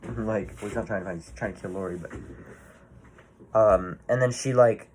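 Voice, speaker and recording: Male movie reviewer, low voice, casual rambling delivery, swears often. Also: moderate pace, a little mellow, slight background noise. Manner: rambling, swears freely, many fillers and restarts.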